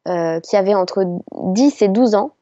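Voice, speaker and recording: A middle-aged voice actress telling stories in an interview, chatty and hesitant with many fillers. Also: female voice, mid-range voice, measured pace, mellow, no room sound. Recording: slightly dull lo-fi sound.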